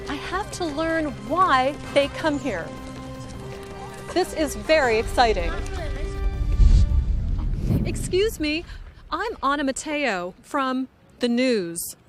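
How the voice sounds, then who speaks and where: A woman playing a cheerful news reporter who interviews tourists outdoors, speaking clearly and slowly for an English lesson. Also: sits high, heavily acted. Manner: clear, upbeat, slow teaching delivery. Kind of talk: scripted English lesson dialogue. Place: outdoors in a city. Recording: music bed under the voice.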